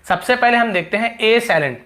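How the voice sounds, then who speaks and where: A male teacher giving a video lesson, explaining step by step, repeating example words slowly and asking rhetorical questions. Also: high voice, animated, pushed and bright. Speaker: English teacher. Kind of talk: classroom-style video lesson.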